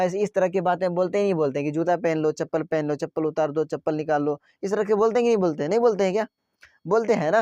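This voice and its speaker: A man's voice: high-pitched, mellow, dry recording, highs cut off. A man teaching everyday English phrases to viewers. He asks questions, repeats each phrase, and keeps checking that they follow along. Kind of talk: spoken English lesson.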